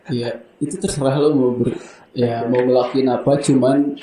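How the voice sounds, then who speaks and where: A man's voice: mid-range voice, level tone, moderate pace, warm tone. A young man chatting casually, laid-back and slangy, often laughing. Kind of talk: casual chat. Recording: echoey room.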